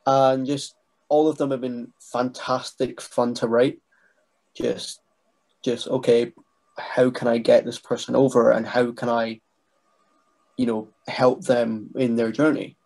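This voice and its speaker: A young man, talking as a guest on a video call interview, soft-spoken and hesitant with restarts. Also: mid-range voice, flat delivery, slow, gravelly. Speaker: guest, wrestling writer and trainee. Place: small bedroom indoors. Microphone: webcam mic on video call.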